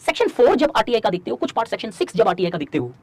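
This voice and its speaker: Animated man teaching a class. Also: high-pitched, no echo. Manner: fast in Hindi, slow dictation in English; animated, asks students rhetorical questions. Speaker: civil services exam teacher. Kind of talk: online class lecture.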